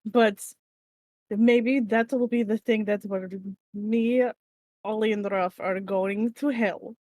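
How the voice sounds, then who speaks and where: A woman's voice: mid-range voice, fairly even intonation, slow pace, a little mellow, dry recording. Chatty woman player, dry sound. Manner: chatty, rambling with fillers. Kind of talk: casual tabletop role-play.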